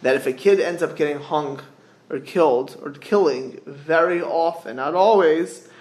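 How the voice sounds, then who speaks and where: A middle-aged man with gives an informal religious sermon, haltingly repeating phrases and posing rhetorical questions. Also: a little high, a little mellow. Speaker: rabbi giving a religious class. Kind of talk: informal sermon, explaining texts with anecdotes. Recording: echoey room.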